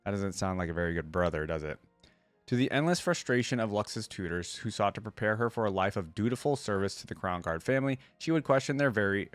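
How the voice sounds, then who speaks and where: Hosting a reaction video, a man alternates between reading text aloud and pausing for relaxed commentary. His voice is fairly low, and there's no room sound at all.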